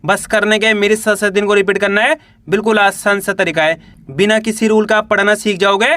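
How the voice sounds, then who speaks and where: A man's voice: high voice, flat delivery, a little fast, pushed and bright, no echo. A man teaching English reading, spelling each word letter by letter and then asking the listener to repeat it.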